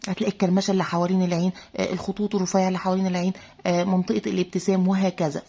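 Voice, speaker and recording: A beauty vlogger with an Egyptian Arabic accent reviews a serum in a chatty way, her fairly low, darkish voice husky. She fills her talk with "aah"s and speaks straight to her viewers, calling them girls.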